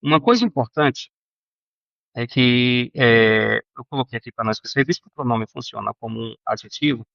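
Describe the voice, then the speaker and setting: A man teaching a recorded Greek grammar lesson, halting with fillers and self-corrections and often checking in with his students. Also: mid-range voice, lively intonation, gravelly, fairly bright tone, no room sound, muffled recording.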